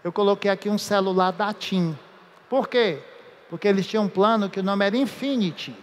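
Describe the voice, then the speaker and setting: High-voiced brazilian teacher cracking jokes in an echoey hall. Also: male voice. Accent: Brazilian Portuguese. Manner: playful, joking, drawn-out emphasis. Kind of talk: lively classroom lecture with jokes.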